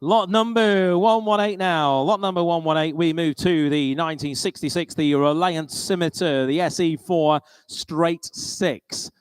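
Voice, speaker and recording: A British man working as an auctioneer, calling live bids and repeating the figures in a steady auction patter. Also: a little high, unhurried, hardly any pauses, clear, resonant tone, dry recording.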